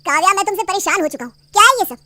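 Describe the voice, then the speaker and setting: A loud, arrogant young husband in an animated storybook, acted by a woman. He barks orders and mocks, his voice pitched high and bright. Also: fast. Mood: angry. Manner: loud, bossy, mocking.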